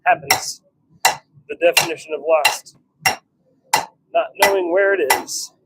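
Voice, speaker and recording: In a very noisy forge workshop full of clicks and clanks, a blacksmith hosting a livestream offers casual commentary while he works. His voice is slightly high and slow, and he muses to himself in short fragments.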